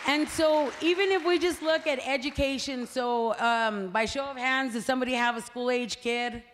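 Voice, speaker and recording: Some chatter can be heard behind a party representative addressing a crowd in an echoey community meeting hall. She has a high, slightly bright voice at a normal pace and keeps her speech conversational, dotted with fillers and "right?"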